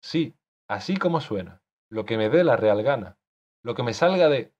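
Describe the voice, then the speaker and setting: A man's voice: mid-range voice, expressive, normal speed, darkish tone, close to an everyday voice. A man reading an audiobook, voicing an irritable author who scolds the character he created. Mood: indignant. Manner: exasperated, scolding. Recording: dull lo-fi recording.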